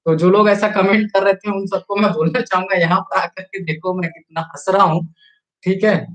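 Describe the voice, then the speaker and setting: A man's voice: sits high, fairly even intonation, normal speed, fairly bright tone, low-quality recording. A man chatting casually on a live stream, reading out viewer comments and urging people to like the video. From Chhattisgarh, India. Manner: chatty, reads out viewer comments and urges likes.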